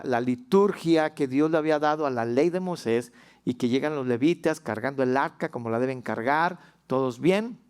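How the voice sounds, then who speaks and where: A man with a Mexican accent preaching a sermon as pastor in a folksy, humorous way that grows fervent, in a church. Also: mid-range voice. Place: church sanctuary.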